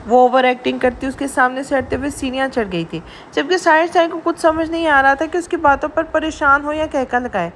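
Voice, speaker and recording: A woman reads a romantic audio novel aloud in scripted narration, with an even storytelling delivery. Her voice is high, with faint noise behind it. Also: few pauses.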